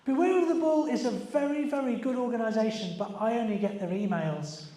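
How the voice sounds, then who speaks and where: A sixty-year-old man with a British accent, chatting informally as a party quizmaster, halting and rambling as he calls out to guests. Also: very high-pitched, dark tone. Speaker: birthday party quizmaster and host. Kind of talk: informal party quiz chat to a group. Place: echoey room at a live party. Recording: very echoey room, distant microphone.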